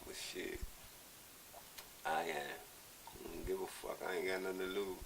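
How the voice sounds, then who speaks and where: An American man giving a blunt, profane, impassioned monologue, sounding drunk and rambling, with halting repeats and a gravelly voice. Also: sits low, level tone. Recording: hissy, noisy amateur recording.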